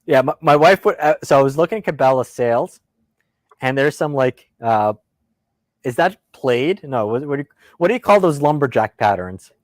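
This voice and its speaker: A man whose first language is Russian hosts a casual live Q&A stream about guns, rambling and self-deprecating with a lightly salty edge. His medium-pitched voice has lively intonation and a moderate pace, with no echo.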